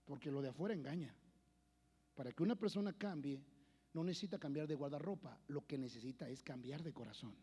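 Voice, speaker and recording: A high-pitched man preaches from the pulpit, rising into loud declarations and then dropping into hushed personal storytelling. His voice rings out with a long reverb through a church hall. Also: fairly quick, slightly rough. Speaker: pastor. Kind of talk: sermon.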